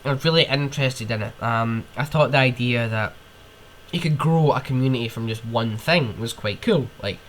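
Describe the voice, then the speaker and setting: A man's voice: medium pitch, moderate pace, fairly bright tone, slight background noise. Rambling, sniffly young man. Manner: rambling, sniffing and burping, sweary. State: ill with a cold. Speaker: podcast host. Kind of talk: casual solo ranting.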